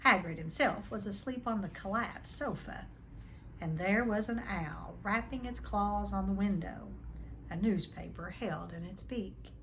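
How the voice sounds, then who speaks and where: This teacher-like reader brings a storybook to life for her listeners, addressing them directly. Her mid-range voice has a fairly bright tone and a measured pace. The audio is poor, with a little hiss or hum.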